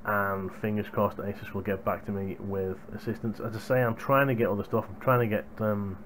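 Low-pitched young man, noisy headset mic. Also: steady tone, fairly quick. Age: young adult. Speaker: gaming hardware reviewer. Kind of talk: casual vlog chat to viewers. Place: small room at home, indoors. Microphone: headset boom microphone. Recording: noisy gaming headset microphone.

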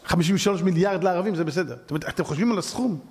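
Fiery high-voiced rabbi in a reverberant hall. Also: male voice. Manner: fiery, rhetorical questions, acts out quoted voices. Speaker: rabbi giving a lesson. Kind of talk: impassioned religious lecture.

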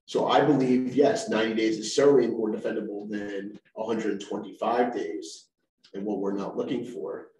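A man in his forties, a council member making a measured legal argument at a meeting. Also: on the low side, steady tone, warm tone, distant mic. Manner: measured, argues legal points. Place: council chamber. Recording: roomy echo, mic set back.

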